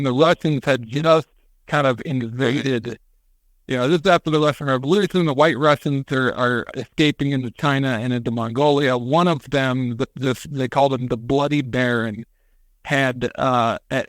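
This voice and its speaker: A man on a podcast, retelling a story in casual chat, animated and acting out quotes with casual swearing. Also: medium pitch, moderate pace, dry recording. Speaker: podcast co-host.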